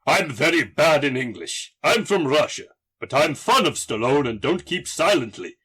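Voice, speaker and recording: An earnest Russian film fan, acted out by a man on a podcast, talks in broken English. Words go missing and phrases come out oddly. The pitch sits a bit high and moves around a lot. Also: very animated, normal speed, fairly bright tone, slightly rough, full character voice. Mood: earnest admiring.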